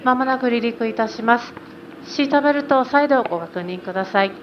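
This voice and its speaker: A female flight attendant making a formal, polite in-flight cabin announcement over the plane's public-address loudspeaker. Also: on the high side, lively intonation, racing. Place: airplane cabin. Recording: muffled lo-fi cabin recording, faint hum.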